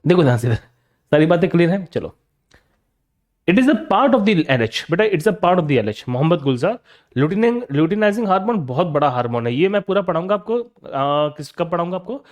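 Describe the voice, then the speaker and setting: Brief: young male teacher, fairly high voice, drills terms through repeated questions. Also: sing-song, moderate pace. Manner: repeats questions and answers them himself; calls students "beta". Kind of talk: classroom lecture.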